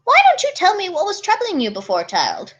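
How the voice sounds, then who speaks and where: A woman's voice: very high voice, huge pitch swings, fairly quick, fairly bright tone, highs cut off, voice pushed up, full character voice. A woman voicing a tiny, cheerful, sly leprechaun man in a storybook tale, with a coaxing Irish lilt. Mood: sympathetic, sly.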